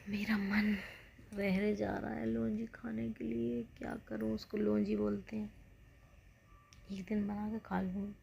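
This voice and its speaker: A woman's voice: medium pitch, flat delivery, a little slow, vocal fry, darkish tone, slight background noise. A woman in her thirties chatting casually to her viewers, unwell and rambling, sometimes dropping to a whisper. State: unwell with joint pain. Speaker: vlogger. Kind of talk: casual vlog chat.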